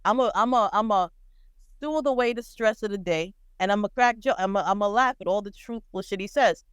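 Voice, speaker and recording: A woman co-hosting a podcast, chatting bluntly and profanely about celebrity gossip with lively storytelling. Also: medium pitch, brisk, clean tone, dry recording. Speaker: podcast co-host. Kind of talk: casual pop-culture chat.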